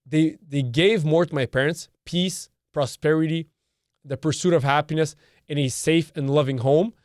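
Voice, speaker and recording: A man's voice: on the high side, steady tone, normal speed, no echo, clean studio sound. A young man from Canada, a Serbian native speaker, hosting a solo opinion podcast and hammering his points by number with lots of repetition. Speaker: podcast host.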